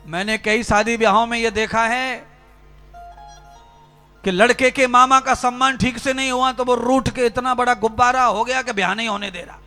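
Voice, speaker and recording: A man's voice: extremely high pitch, fairly even intonation, normal speed, sharp tone, soft background music. A man giving a religious sermon, speaking fervently and rhetorically and addressing his listeners directly. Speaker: spiritual preacher. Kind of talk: Hindi religious discourse.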